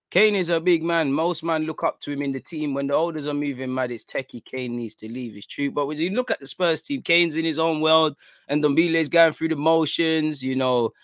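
A man's voice: on the high side, a bit bright, no echo. London roadman man talking football, dry close sound. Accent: London, urban street slang. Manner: slangy roadman-style talk, addressing listeners as bro and man. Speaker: football fan content creator. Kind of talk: casual football chat to an audience.

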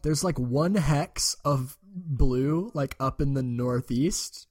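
A man's voice: mid-range voice, takes it slowly, darkish tone, slightly rough. Laughing young man co-hosting. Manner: laughs often, trails off. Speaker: podcast co-host. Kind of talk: casual worldbuilding chat.

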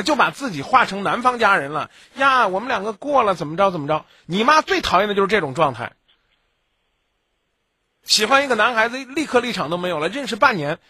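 A man's voice: high voice, bright, forceful tone, husky, dry recording, studio quality. A man hosting a late-night radio advice show, bluntly lecturing and scolding a caller. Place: radio studio.

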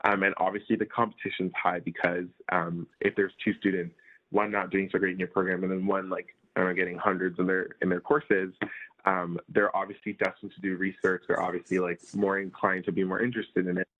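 A man's voice: low voice, flat delivery, a little fast. A man in his early twenties from India, answering interview questions in a rambling casual way full of fillers. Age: early 20s. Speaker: guest. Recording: phone-like remote call audio.

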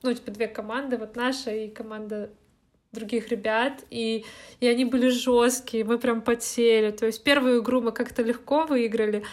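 Higher-pitched woman in casual podcast chat. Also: fairly even intonation, moderate pace. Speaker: podcast co-host.

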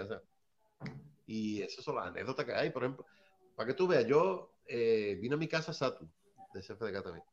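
Over lo-fi sound, a medium-pitched man from Seville casually wanders through hip hop stories from his days as an early artist. "¿Sabes?" caps many of his lines.

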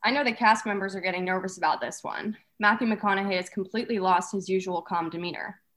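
Gushing female red carpet host, played by a young woman, quick and showy. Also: medium pitch, fairly even intonation, a bit bright, natural voice. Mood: upbeat. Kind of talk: scripted mock awards-show hosting.

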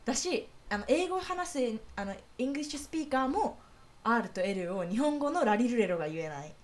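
Fast-talking chatty Japanese woman. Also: on the high side, lively intonation. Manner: chatty, laughs often, quick restarts. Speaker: podcast co-host. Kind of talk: casual chat.

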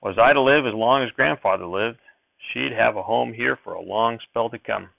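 A man voicing an excitable old rural grandfather who speaks in folksy dialect, with a raised, quick old-timer twang over a thin, dry phone-like sound. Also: mid-range voice, gravelly, no echo. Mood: reflective.

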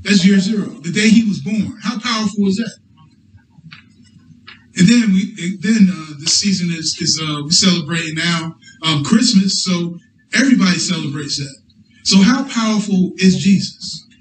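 A man's voice: high-pitched, moderate pace, a little hiss or hum. A man preaching a sermon to his congregation, often asking for an amen and restarting his phrases. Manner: call-and-response, restarts often. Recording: echoey hall, distant mic.

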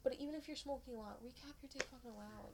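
Chatty young woman with a gravelly voice. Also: high-pitched, quick pace, a crowd in the background. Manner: chatty, swears freely, rambling. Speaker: podcast co-host. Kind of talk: casual podcast chat.

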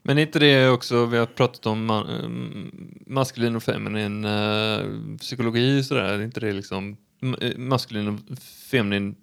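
A man's voice: mid-range voice, fairly even intonation, creaky, few pauses, smooth. A man who works as an assistant nurse, talking chattily with plenty of fillers in a casual conversation. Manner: chatty storyteller, hesitant fillers.

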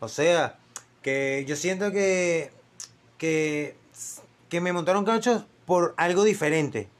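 A young man with a Venezuelan accent, co-hosting a casual podcast chat, slangy and quick to laugh. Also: fairly high pitch. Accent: Venezuelan Spanish. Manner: slangy, laughs often, repeats himself. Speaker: podcast co-host.

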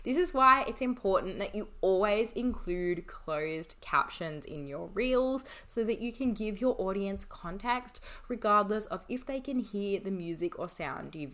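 A woman with an average-pitched voice presents scripted tips as a podcast host. Her delivery is upbeat and neatly organised, in the manner of an advice vlogger. Each point is clearly signposted and laid out in order. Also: fairly bright tone. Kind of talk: scripted solo advice narration.

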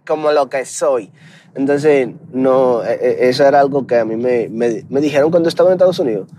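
A man's voice: medium pitch, lively intonation, moderate pace, a little mellow, a little hiss or hum. A man with a Dominican accent hosting a podcast, speaking in an earnest, encouraging, conversational way. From Dominican Republic. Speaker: podcast host. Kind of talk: motivational podcast monologue.

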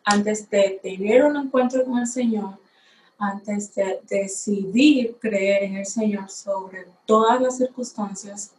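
Slow-talking young woman. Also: mid-range voice, darkish tone, reverberant, a little hiss or hum, low-quality recording. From Dominican Republic. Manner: unhurried, reflective, a little unsure. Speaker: podcast host. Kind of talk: personal faith testimony. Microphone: facing a camera.

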